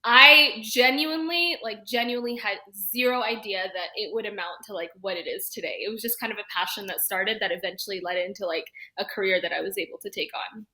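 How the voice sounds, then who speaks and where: Podcast guest, woman, 20s, from Toronto, animated and bright-toned, lots of likes and ums. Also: mid-range voice, a little fast, few pauses. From Toronto, Canada. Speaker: guest, YouTube creator. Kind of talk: podcast interview.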